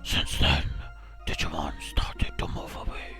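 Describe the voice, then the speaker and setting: A man voicing an ancient, wise male tree spirit in a deep, gravelly whisper, slow and solemn. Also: sharp tone. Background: game music.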